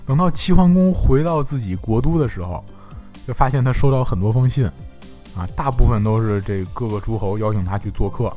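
A man tells humorous history in a colloquial, joking way. His pitch bounces animatedly over a warm, dark tone. The sound is dry and close, with faint music underneath. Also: animated, fairly quick. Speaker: storyteller.

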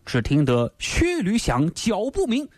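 A woman hosting and narrating a classic tale comically, with animated asides. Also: mid-range voice, unhurried, heavy background noise. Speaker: host. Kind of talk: comic storytelling.

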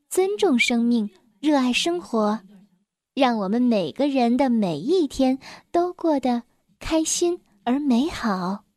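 A woman reading a children's bedtime story in a gentle, tender way, talking directly to the little listener. Her voice is high and her delivery is slow and unhurried. The sound is dry and close. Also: dry recording.

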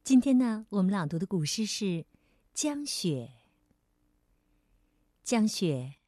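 A woman storyteller narrating a bedtime story for children, speaking gently and expressively and calling the listener "baby". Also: mid-range voice, big pitch swings, takes it slowly, no room sound, studio quality.

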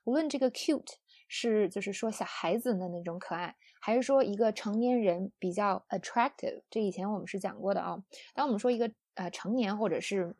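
A woman's voice: medium pitch, husky, no room sound, studio quality. A woman English teacher explaining word usage to students in a friendly, chatty way. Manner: friendly and chatty, with soft sentence-final particles.

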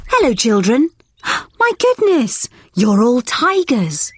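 A woman's voice: on the high side, big pitch swings, moderate pace, darkish tone, slight background noise. A woman voicing a kind, sensible cartoon mother pig in a reassuring manner. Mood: kindly.

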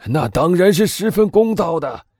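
A man voicing an excitable prison inspector. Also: fairly low pitch, normal speed, dry recording, clean studio sound, pitched above the performer's own voice. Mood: eager. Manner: loud, eager, exclaiming. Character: excitable middle-aged male prison inspector. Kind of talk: audiobook dialogue reading.

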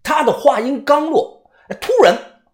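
A man narrating a serialized story in lively, dramatic storytelling. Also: very high voice, unhurried. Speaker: audiobook narrator.

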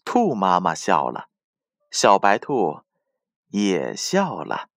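A man narrating a children's bedtime story in a slow, gentle, soothing voice. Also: low-pitched, wildly swooping pitch, creaky, no echo, studio quality.

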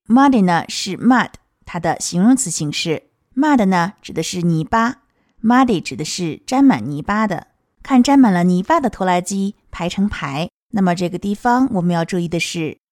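A woman teaching English pronunciation of a children's song, modeling each sound slowly and clearly. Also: mid-range voice, a little mellow, dry recording, studio quality. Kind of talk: explaining song lyrics and pronunciation.

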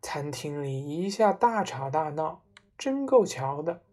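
A woman reading a children's story aloud, in an expressive storybook narration. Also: sits low, takes it slowly.

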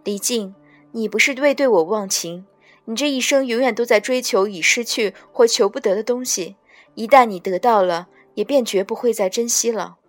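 A woman's voice: a little high, moderate pace, dry recording, faint music behind, lightly acted. Audiobook: a proud, scornful wounded goddess, read by a woman. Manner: sharp, scornful.

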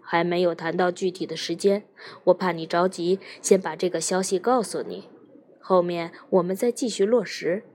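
A woman voicing a busy male psychologist on the phone in an audiobook, calm, brisk and reassuring. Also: sits high, close to an everyday voice.

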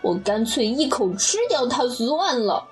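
A woman's voice: lively intonation, measured pace, soft background music. Woman doing a grumbling clever fox. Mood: grumbling, flustered. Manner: lower, muttering self-talk. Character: clever, greedy male fox, grumbling to himself.

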